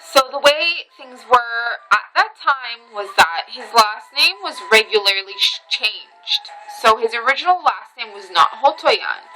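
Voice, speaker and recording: Her voice is fairly high, animated and sharp, a little slow yet with hardly any pauses, over faint music on a rough recording. An Armenian heritage speaker who reads Western Armenian, she vlogs from a dim room at home after some red wine, wandering loosely and emotionally with lots of ums.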